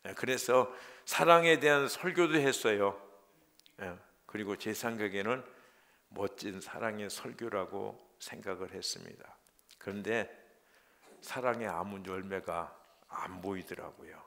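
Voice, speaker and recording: Gravelly-voiced pastor pleading in sermon. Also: male voice, fairly low pitch, measured pace. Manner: emotional, swings from loud pleas to hushed whispered prayers.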